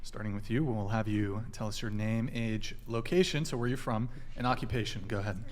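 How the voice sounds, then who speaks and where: A man's voice: fairly low pitch, a little fast. A man hosting a casual panel podcast, asking the guests around the table questions in turn. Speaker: podcast host.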